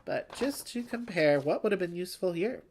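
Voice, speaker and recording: A woman's voice: lowish voice, lively intonation, brisk, darkish tone, a little hiss or hum. A woman hosting a casual board game play-along, chatty and self-deprecating, thinking aloud as she goes. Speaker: host.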